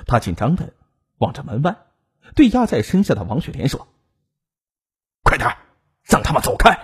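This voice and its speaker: Husky man narrating a true crime story. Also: medium pitch, darkish tone. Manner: dramatic, rising and falling delivery.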